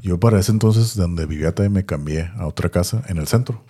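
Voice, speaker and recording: Guy rambling through a story on a podcast, low dark voice, kinda husky, talks fast with lots of little tag questions. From Tijuana, Mexico. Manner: rambling, repeats words, many tag questions. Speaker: podcast co-host. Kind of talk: casual storytelling chat.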